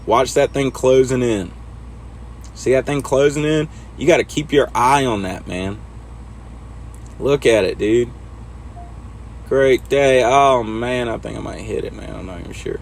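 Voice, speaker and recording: A man's voice: mid-range voice, measured pace, pauses often, slight background noise. A man talking casually through a trucking simulator as he teaches backing, laid-back and chatting to himself as he drives. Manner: laid-back, talks to himself while driving. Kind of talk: casual instructional commentary over gameplay.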